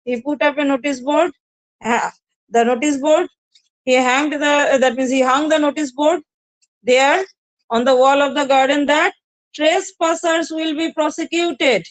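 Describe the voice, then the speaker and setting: A woman's voice: sits high, steady tone, unhurried, no echo, low-quality recording. A woman teacher with an Indian English accent, explaining a story line by line to her students and repeating each point. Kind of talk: online class explaining a story.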